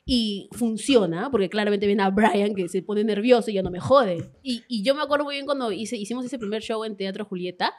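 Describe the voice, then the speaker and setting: A young woman telling a story in casual chat, animated and self-mocking, swearing freely. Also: mid-range voice, fairly quick, hardly any pauses. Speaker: guest comedian.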